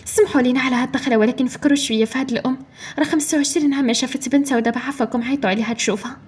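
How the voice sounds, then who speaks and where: A supportive Moroccan friend, voiced by a woman reading a story, reassures gently. She talks quickly in a high, slightly husky voice. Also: fairly even intonation. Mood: reassuring. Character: kind supportive friend of the mother.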